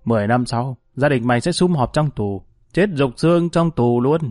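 A man's voice: mid-range voice, moderate pace, darkish tone, dry recording, studio quality, natural voice. A man playing a mocking old convict. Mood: taunting. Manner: gloating, taunting. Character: mocking old male convict, cruel teaser.

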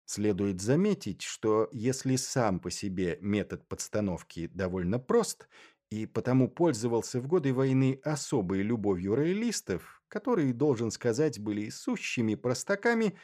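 A man reading first-person literary narration in a measured, dry and ironic way. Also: medium pitch, sing-song, dark tone. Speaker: audiobook narrator.

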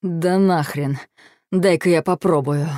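A woman voicing an intense male warrior lover in an audiobook, speaking in a low, even manner. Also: slow, no echo, clean studio sound.

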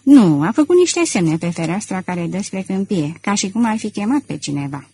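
A woman's voice: medium pitch, sing-song, dark tone, slightly rough. A woman reading as an alarmed village seamstress. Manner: hurried, stammering report.

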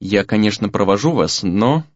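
A man's voice: lowish voice, animated, normal speed, no echo, highs cut off, voice pushed down. A man voicing Nara, a wary young apprentice girl. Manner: anxious and hesitant. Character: wary, serious young female temple apprentice.

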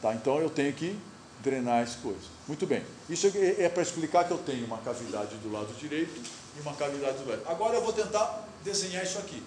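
A male lecturer talks a class through a lesson, pausing to put questions to the students as he draws. He is caught from the back of a big, echoing lecture hall. A steady hiss of noise sits under his voice. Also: a little high, far from the mic. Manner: explains step by step while drawing on the board, asks the class questions. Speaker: university lecturer. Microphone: recorder far off in the room. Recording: echoey hall recorded from afar, noisy.

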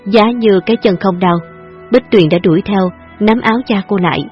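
A woman narrating a story aloud in a steady, expressive reading. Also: medium pitch, a little fast, husky, muffled recording, faint music behind.

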